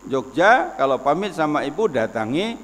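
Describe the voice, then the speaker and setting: A man's voice: on the high side, big pitch swings, moderate pace, fairly bright tone, in a large hall, slight background noise. A man, giving a religious lecture in an explanatory, folksy way with personal stories. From West Sumatra, Indonesia. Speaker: Islamic preacher.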